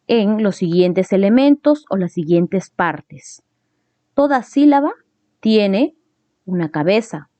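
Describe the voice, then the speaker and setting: A woman's voice: medium pitch, dark tone, no echo. A woman teacher explaining a grammar lesson step by step, often checking in with tag questions. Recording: dull lo-fi recording.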